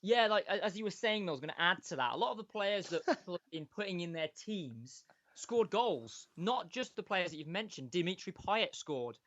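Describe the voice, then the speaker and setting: A man's voice: high voice, lively intonation, moderate pace, fairly bright tone. A man co-hosting a podcast over a call without headphones, his voice muffled and hollow as if inside a fishbowl, talking eagerly and repeating points for emphasis. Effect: muffled, hollow sound as if inside a fishbowl. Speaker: podcast co-host. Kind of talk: casual chat. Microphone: Skype call without headphones. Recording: dull lo-fi internet call audio.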